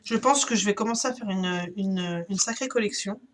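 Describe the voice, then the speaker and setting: A woman's voice: medium pitch, normal speed, a little hiss or hum. A woman chatting casually through a shopping haul, hesitant and full of fillers. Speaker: YouTuber.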